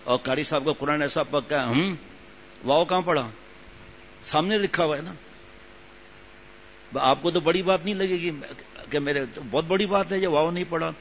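A man's voice: fairly high pitch, pauses often, a bit bright. An older man giving a conversational sermon as a religious teacher, repeating phrases for emphasis. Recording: muffled lo-fi recording with faint hum.

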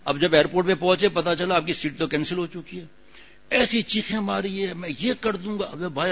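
A man preaching an informal sermon, telling stories in a conversational, scolding and joking way and reciting verses slowly. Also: high voice, a bit bright. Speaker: religious preacher. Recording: dull lo-fi radio recording.

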